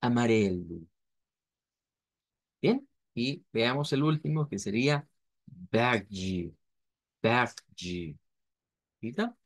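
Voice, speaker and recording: A man's voice: medium pitch, very animated, no room sound. Patient male language teacher, dry sound. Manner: patient, slows down to model pronunciation, often adds a checking "right?". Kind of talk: online language lesson.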